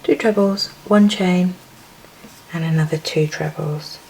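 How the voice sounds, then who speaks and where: A woman with a low, unhurried voice, talking through a crochet tutorial. She chats and giggles between stitch counts, easygoing and homely. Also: fairly even intonation, gravelly, darkish tone, a little hiss or hum, low-quality recording.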